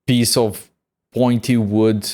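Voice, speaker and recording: Low-voiced man, chatty and stammering. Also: flat delivery, takes it slowly, warm tone. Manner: stammers and repeats words when starting sentences; casual, swears freely. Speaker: streamer. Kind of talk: casual chat while gaming on a live stream.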